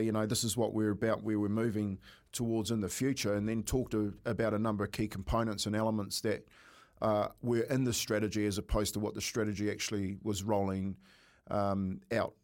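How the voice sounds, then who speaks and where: A fairly low-pitched man with a broad Kiwi accent, talking as a radio co-host. His delivery is earnest and wordy, feeling its way through each thought in conversational commentary. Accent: broad New Zealand.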